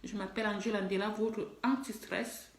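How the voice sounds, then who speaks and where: A woman's voice: mid-range voice, flat delivery, moderate pace. A middle-aged woman, an online personality and musician, talks straight to her followers in an emphatic, scolding way and repeats herself often. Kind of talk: direct-to-camera social media video. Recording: roomy echo.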